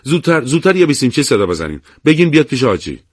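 A man's voice: medium pitch, very animated, husky, no room sound, clean studio sound, pitched above the performer's own voice. A man voicing a worried male commander in an audiobook war story, urging his men to hurry. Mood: urgent. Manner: urgent, insistent.

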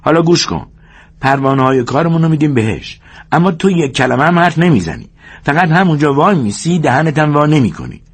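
A man voicing an exasperated, bossy but protective ranch hand in an audiobook, speaking in a high, raised, scolding voice with a husky edge. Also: sing-song. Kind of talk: audiobook character voice.

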